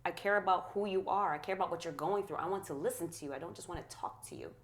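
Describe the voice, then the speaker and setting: A woman's voice: on the low side, very fast. A middle-aged woman, a guest speaker in an interview, talking in a passionate, affirming way with a preacher-like rhythm. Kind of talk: conversational interview.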